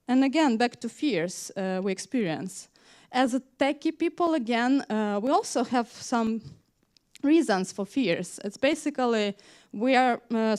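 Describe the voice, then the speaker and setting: A woman from Ukraine, in her thirties, delivers a conference talk on a stage mic. Her voice sits a little high, and her is full of hesitant fillers. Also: darkish tone, clear, resonant tone. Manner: hesitant, frequent "uh" fillers, non-native grammar. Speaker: conference speaker, tech manager. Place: conference hall.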